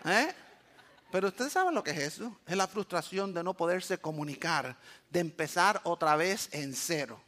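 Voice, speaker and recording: Preacher man, very high and bright, animated sermon storyteller who acts out quotes. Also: moderate pace. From Cuba. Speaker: pastor.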